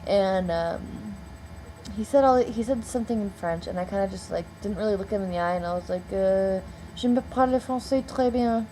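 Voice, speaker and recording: Young woman, chatty vlog storytelling, lots of fillers, mid-pitched voice. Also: fairly even intonation, a little fast, mellow, a little hiss or hum, poor audio. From United States. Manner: rambling, heavy on "like" and "um" fillers. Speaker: vlogger.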